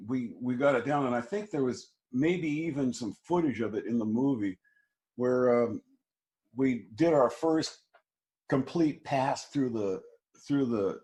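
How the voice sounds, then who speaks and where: Man, interview guest, halting storytelling, fillers and restarts. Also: medium pitch, darkish tone. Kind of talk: casual storytelling.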